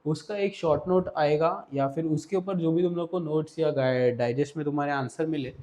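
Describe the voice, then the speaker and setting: A man's voice: a little high, fairly even intonation, a little fast, darkish tone. A man teaching an exam revision lesson in a casual, directive way, often checking in with his students. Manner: casual, directive, Hindi-English mix, repeats "ठीक है".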